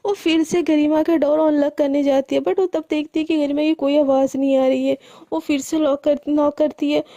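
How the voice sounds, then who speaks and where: A woman's voice: high-pitched, flat delivery, normal speed, mellow, dry recording. A young woman narrating a love story in a casual, chatty way, often restarting her sentences. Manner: chatty, mixes English words, frequent restarts.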